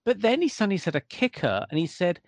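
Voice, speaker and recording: British man telling a lively story, dry sound. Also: high voice, fast, creaky, no room sound. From United Kingdom. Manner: animated anecdote teller who acts out quoted dialogue. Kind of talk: casual conversation, storytelling.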